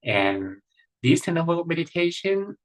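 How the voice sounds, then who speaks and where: A man who is a monk, giving a live online meditation talk with many pauses, fillers and restarts. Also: fairly high pitch, very animated, rough recording.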